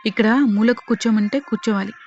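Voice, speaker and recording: A woman's voice: medium pitch, fairly even intonation, fast, darkish tone, soft background music, close to an everyday voice. A woman voicing a determined young woman who protects her sister and stands up to a villain, in a dull lo-fi recording. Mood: defiant. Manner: firm, defiant.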